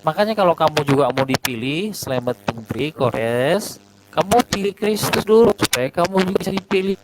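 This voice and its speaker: Man, debater on a glitchy voice call with his voice dropping in and out, measured and methodical, noisy hum. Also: a little high, expressive. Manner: methodical, quotes verses, hesitates with eh. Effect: voice breaking up over a bad online connection. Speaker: debater in an online voice-chat religious debate. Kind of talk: argumentative debate over a voice chat.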